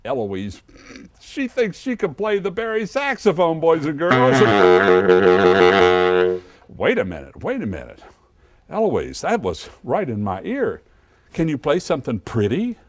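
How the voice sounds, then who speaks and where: A man's voice: on the high side, wildly swooping pitch, measured pace, long pauses. A man talking as a children's show host, addressing young viewers directly in an exaggerated, instructive way. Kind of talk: kids show host talk, with sing-along songs. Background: musical instrument music.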